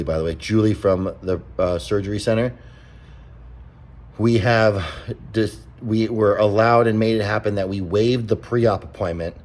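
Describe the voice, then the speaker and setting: A man's voice: lowish voice, darkish tone, rough recording. A young man talking in a casual vlog, blunt and exasperated, swearing freely as he rants. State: out of breath. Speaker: vlogger.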